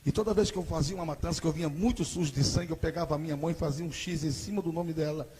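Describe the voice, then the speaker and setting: A man with a Brazilian Portuguese accent giving a dramatic testimony sermon at a church service, rising into shouted preaching. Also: fairly high pitch, very fast, breathy edge.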